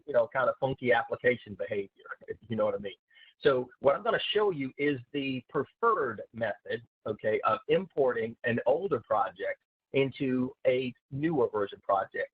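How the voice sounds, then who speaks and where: A man giving a software webinar as a systems consultant, halting with many filler sounds, his voice heard through a recorded online meeting. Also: medium pitch, breathy edge, no echo. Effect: voice heard through a recorded online meeting's screen-share session. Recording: tinny, dry online-call audio.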